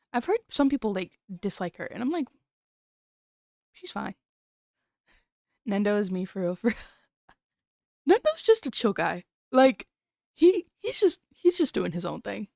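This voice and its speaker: A woman's voice: a little high, very animated, normal speed, creaky, a little mellow, no echo, studio quality. A young woman chatting casually on a late-night stream, giggly and rambling, often trailing off and restarting.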